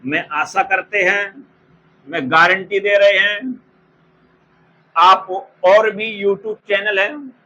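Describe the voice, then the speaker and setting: A man teaching an exam-prep lesson in a bright, high voice, speaking slowly and repeating each term so students can copy it down. He addresses the class with fond terms as he explains. Faint noise runs underneath the recording. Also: highs cut off. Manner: slow, repeats terms for dictation.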